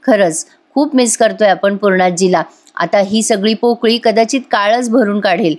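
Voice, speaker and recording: A woman's voice: medium pitch, normal speed, a little mellow. A woman giving a chatty voice-over recap of a TV serial, talking straight to her viewers. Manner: chatty, addresses viewers directly. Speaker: serial reviewer. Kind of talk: casual voice-over episode recap.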